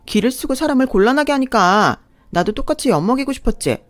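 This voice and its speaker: A woman's voice: high-pitched, expressive, fast, no room sound, pitched above the performer's own voice. A woman voicing a spoiled young sister-in-law who talks in a mocking, entitled tone in a radio drama. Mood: whiny.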